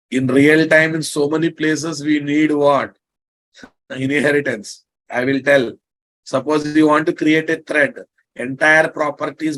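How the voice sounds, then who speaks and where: Slow, higher-pitched Indian man teaching. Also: fairly bright tone, low-quality recording. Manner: repeats phrases, checks understanding with rhetorical questions; blunt, teasing. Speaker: programming instructor. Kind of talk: live online lecture.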